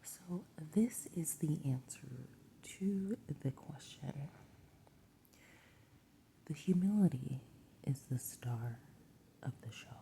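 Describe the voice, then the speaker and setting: A woman whispering softly as she teaches from the Bible early in the morning, reading verses aloud and breaking them down. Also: very deep voice, creaky, slight background noise. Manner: soft whisper, slow and deliberate; reads verses aloud and then unpacks them. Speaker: Bible teacher and video host.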